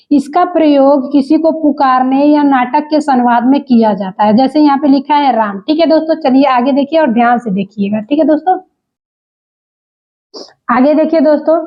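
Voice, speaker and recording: A woman's voice: high voice, highs cut off. A woman teaching an exam-prep lesson, repeating each point and calling the viewers friends.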